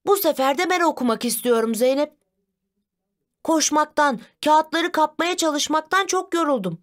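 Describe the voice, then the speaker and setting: A woman's voice: high voice, moderate pace, voice pushed up. Woman doing an eager little boy. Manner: excited, shouting, playful child voice. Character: eager playful little boy, birthday child.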